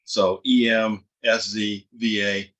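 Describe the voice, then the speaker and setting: A man taking part in a casual seminar discussion over a video call, speaking haltingly with frequent pauses and fillers. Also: fairly low pitch, flat delivery, fairly bright tone, low-quality recording. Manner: halting, hesitant, frequent uhs. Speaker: seminar participant.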